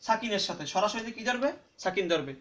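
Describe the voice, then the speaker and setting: A man teaching Quran reading in Bengali, who asks and answers his own questions and spells out letters slowly syllable by syllable. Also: high voice, expressive, fairly bright tone. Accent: Bangladeshi Bengali. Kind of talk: spoken classroom-style lesson.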